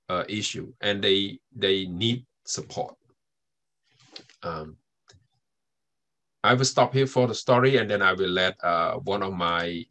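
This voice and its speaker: Man, organizer, slow, lower voice, hesitant. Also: fairly bright tone. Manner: hesitant, many fillers. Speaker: community organizer. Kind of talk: webinar panel talk.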